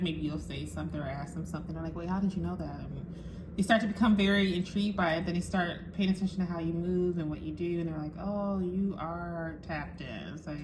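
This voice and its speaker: Low-voiced woman chatting while eating. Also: noisy background. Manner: frank, drawn-out musing. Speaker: vlogger. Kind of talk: casual chat to camera.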